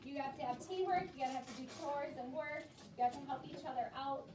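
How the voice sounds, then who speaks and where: Here a primary school teacher, a woman whose voice sits high, talks quickly as she runs a discussion with young pupils, praising them and repeating their answers. The audio has room echo, a distant mic, and clear background noise.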